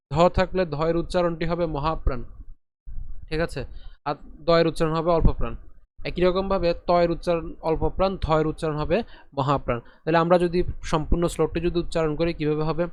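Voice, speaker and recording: A man's voice: on the high side, smooth. A man teaching Sanskrit pronunciation, reciting syllable by syllable and then explaining patiently with rhetorical questions. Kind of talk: recorded recitation lesson.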